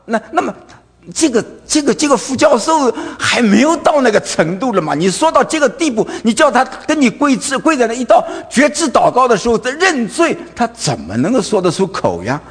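A man's voice: extremely high pitch, sing-song, brisk, slightly rough. A man with a Wu-delivering a sermon, firing off rhetorical questions tagged with "right?" and stammering over repeated fillers. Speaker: preacher. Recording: long hall reverb.

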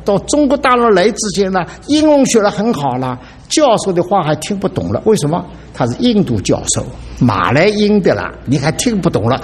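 Middle-aged male pastor, expressive sermon delivery, wide pitch swings, slightly high voice. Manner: animated, dramatic exclamations.

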